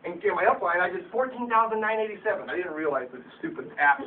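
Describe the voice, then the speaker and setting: A man's voice: high-pitched, animated, fast. A man, a sales leader, gives a blunt, emphatic motivational Q&A talk to a roomful of his team, often stumbling over restarts as he gets fired up. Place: meeting room with an audience. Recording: distant, tinny, faintly hissy camera audio.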